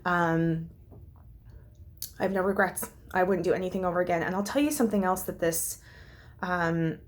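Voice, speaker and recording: A woman's voice: lowish voice, fairly quick. A woman vlogging a heartfelt, rambling personal update, full of fillers and restarts and close to tears at times. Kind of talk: casual vlog update.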